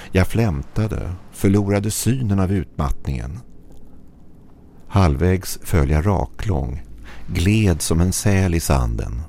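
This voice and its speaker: A man's voice: low-pitched, warm tone, a little hiss or hum. A man narrating a first-person horror story in short, tense, clipped phrases.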